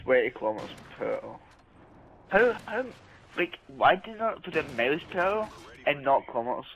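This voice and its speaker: A man's voice: fairly high pitch, very animated, moderate pace, vocal fry, a bit bright, a little hiss or hum, rough recording. A man chatting and teasing his friend while playing a video game. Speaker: gamer. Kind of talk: casual gaming chat.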